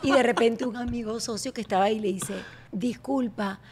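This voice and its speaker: Animated high-voiced woman host. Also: fast talker. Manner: animated, mixes in English, laughs often. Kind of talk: casual chat, laughing.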